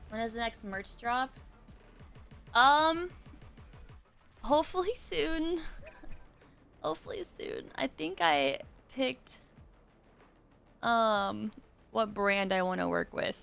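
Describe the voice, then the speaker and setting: A woman's voice: fairly high pitch, very slow, vocal fry, pauses often, fairly bright tone, smooth, faint music behind. A young woman streaming a game, chatting casually, thanking viewers and trailing off with lots of "um"s. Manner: chatty, thanks viewers one by one, filler-heavy. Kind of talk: casual live-stream chat.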